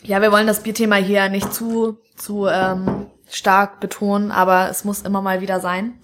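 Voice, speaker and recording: A woman's voice: medium pitch, level tone, moderate pace. A woman co-hosts a casual podcast chat in a mid-range voice. She drops in dry, teasing remarks. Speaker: podcast co-host.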